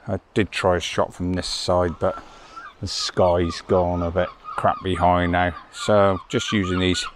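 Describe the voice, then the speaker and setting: A landscape photographer narrating his outing in a rambling, halting way, talking outdoors on a beach and up on coastal cliffs. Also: deep voice, wildly swooping pitch, slight background noise. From United Kingdom. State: out of breath. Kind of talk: casual vlog narration.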